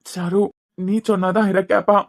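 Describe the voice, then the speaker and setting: A woman's voice: mid-range voice, little pitch movement, moderate pace, darkish tone, close to an everyday voice. A woman voicing a heartbroken pleading father. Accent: Kanyakumari Tamil. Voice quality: pleading, sorrowful, repeating the child's name. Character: grieving young father, a doctor, pleading with his daughter. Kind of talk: cartoon voice acting.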